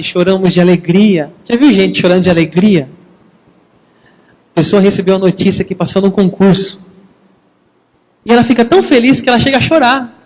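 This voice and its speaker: A man preaching a sermon in a lively, conversational way, addressing the congregation as brothers. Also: high-pitched, in a large hall, low-quality recording. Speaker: pastor.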